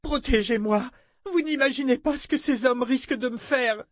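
A man's voice: extremely high pitch, moderate pace, dry recording, studio quality, pitched above the performer's own voice. A man voicing a terrified young woman who pleads desperately for protection, in an audiobook reading. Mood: pleading terror.

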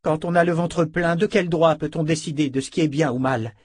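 A man's voice: mid-range voice, moderate pace, no room sound, clean studio sound, pitched above the performer's own voice, natural voice. A man voicing a self-righteous young sorceress who lectures with indignation. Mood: indignant.

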